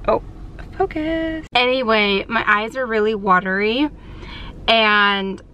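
A woman chatting casually to her camera in a vlog, lively and rambling, out and about on a hot day. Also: medium pitch, a little hiss or hum. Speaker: vlogger.

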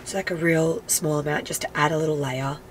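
A woman's voice: low voice, steady tone, fairly quick, a little hiss or hum, poor audio. Nasal, stuffy-voiced woman chatting in a car. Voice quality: nasal, congested voice. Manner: chatty, candid, many "like" fillers. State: sick with a cold. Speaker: vlogger and mum. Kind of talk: casual car chat to camera. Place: inside a parked car.

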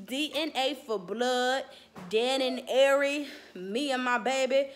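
A young woman vlogger chatting loudly and playfully while cooking in a home kitchen, teasing her mom. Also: sits high, takes it slowly. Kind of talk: casual cooking vlog chat. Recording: noisy kitchen with frying sizzle.

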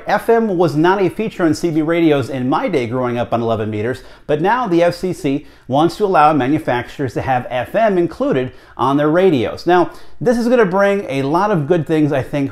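With a slightly high pitch and a darkish tone, a man in his thirties with an American accent hosts his radio hobby vlog indoors in a small home office. He addresses the camera conversationally and emphatically, leaning on rhetorical questions.

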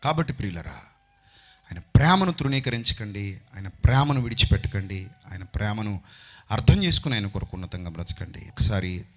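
A man preaching a sermon into a handheld microphone, impassioned, rising to loud outbursts and dropping to near-whispers. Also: on the low side, lively intonation, normal speed.

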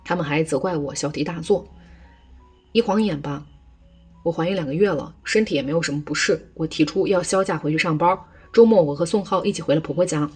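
一个女人以第一人称朗读家庭伦理故事，语速平稳。. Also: female voice, low-pitched, a little fast, a little mellow, breathy edge, faint music behind. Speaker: storyteller. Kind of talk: first-person story narration.

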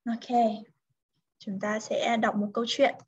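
A woman's voice: a little high, little pitch movement, takes it slowly, slightly rough. Patient woman tutoring over a video call. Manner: patient, correcting pronunciation word by word. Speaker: English tutor. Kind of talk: online English lesson, mixing Vietnamese and English. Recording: dull lo-fi video call audio.

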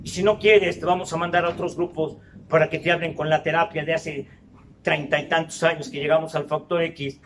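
An older man with a Mexican Spanish accent giving a profane, confrontational testimony to a recovery group, shouting in bursts. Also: on the high side, fairly even intonation, a little fast, distant mic, slight background noise.

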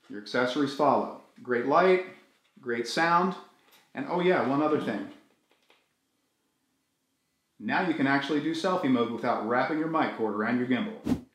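Middle-aged man explaining gear in echoey room. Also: medium pitch. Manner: friendly, clear step-by-step explaining. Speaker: video tutorial host. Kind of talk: gear how-to tutorial. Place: small room indoors, echoey.

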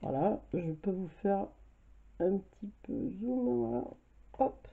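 A woman's voice: mid-range voice, animated, slow pace, creaky. A French woman with a cold, casually showing her craft purchases and filling her talk with hesitations. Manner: chatty, hesitant, many fillers. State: has a cold, coughing. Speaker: craft vlogger. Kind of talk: casual haul video. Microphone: camera mic at home. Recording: tinny phone-like sound.

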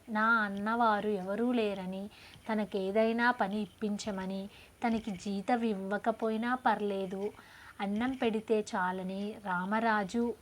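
Lady reading moral stories, takes her time, steady and measured. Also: mid-range voice. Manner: slow, measured storytelling. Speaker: storyteller.

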